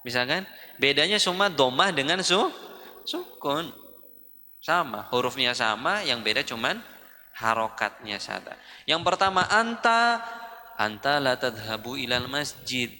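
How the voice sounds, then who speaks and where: Man with Indonesian accent, Arabic teacher, slow deliberate drilling, bright voice, long reverb of a mosque hall. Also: medium pitch, lively intonation. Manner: slow, drawn-out drilling with students. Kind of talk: classroom Arabic grammar lesson.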